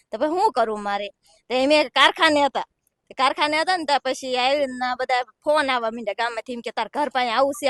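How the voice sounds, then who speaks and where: A young village woman from Gujarat, India, gives a reporter distressed, pleading, emotional testimony. Her voice is high and fairly bright, captured as a dry, clean studio recording.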